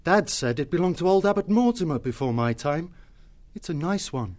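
A man's voice: on the high side, normal speed, voice pushed up, natural voice. Man doing an earnest young abbey creature. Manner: calm, earnest pleading.

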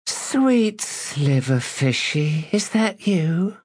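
A man voicing a playful noblewoman in bed with a husky, whispering voice. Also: on the high side, very animated, very slow, no room sound, pitched above the performer's own voice, exaggerated voice, poor audio. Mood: coy, breathy.

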